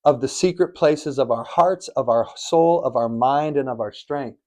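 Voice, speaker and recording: A man's voice: medium pitch, normal speed, dark tone. Earnest preachy man telling stories. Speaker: podcast co-host. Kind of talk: faith-based podcast chat. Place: studio in Arizona.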